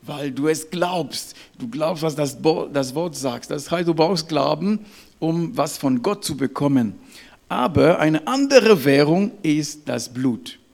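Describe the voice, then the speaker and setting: A man preaching a sermon to his congregation, emphatic and halting, often checking in with "ja?" and "Amen". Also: fairly high pitch, animated, vocal fry, a little mellow. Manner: halting, with restarts and fillers.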